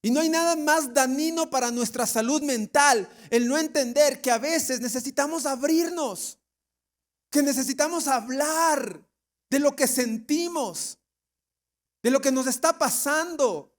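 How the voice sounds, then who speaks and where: A man's voice: very high-pitched, unhurried. A pastor with an Ecuadorian accent preaching a sermon, asking the congregation questions and now and then acting out the people he quotes. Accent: Ecuadorian Spanish. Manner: jokes, laughs, mimics people he quotes.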